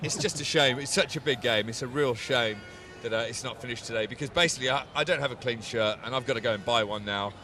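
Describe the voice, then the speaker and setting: A man's voice: mid-range voice, fast talker, hardly any pauses, sharp tone, a little hiss or hum. An English man giving wry, self-mocking cricket analysis on a panel at a ground. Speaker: cricket pundit. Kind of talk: joking cricket panel chat.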